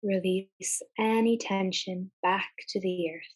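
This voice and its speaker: In a gentle, soothing way, a woman guides a meditation using short phrases separated by long pauses. Her voice is mid-range and her intonation stays fairly even.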